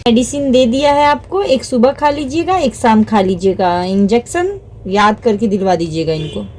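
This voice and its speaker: A woman doing a brisk lady doctor doll. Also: a little high, a little mellow, a little hiss or hum, close to an everyday voice. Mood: instructing. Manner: brisk, instructing, matter-of-fact. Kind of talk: homemade doll story play.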